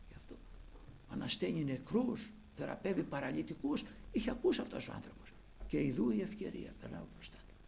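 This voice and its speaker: A man preaching a sermon who tells the story by acting out its voices, swinging from low murmurs to loud calls. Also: gravelly, slight background noise.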